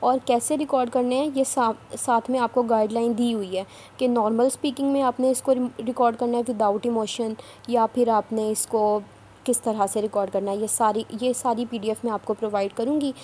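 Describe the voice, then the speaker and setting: A woman's voice: a little high, fairly even intonation, normal speed, a little mellow, a little hiss or hum. A woman explaining step by step how to record and share audio files in a tutorial, repeating herself and sometimes scolding. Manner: repetitive, instructive, a bit scolding. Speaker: online work trainer.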